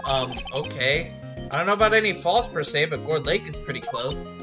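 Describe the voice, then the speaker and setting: A woman's voice: sits low, expressive, normal speed. A woman voicing a young male defense lawyer with a dry, sarcastic manner. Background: game music.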